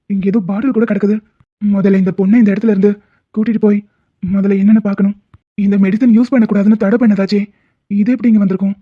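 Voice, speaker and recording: A woman's voice: mid-range voice, breathy edge, lightly acted. A woman voicing a protective, righteous male doctor in a cartoon drama, who speaks in a reassuring but firm way. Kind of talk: cartoon voice acting. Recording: tinny phone-like sound.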